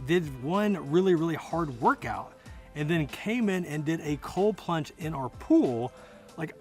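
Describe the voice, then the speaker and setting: Higher-voiced American man over music. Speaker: vlogger. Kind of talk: casual personal storytelling to camera.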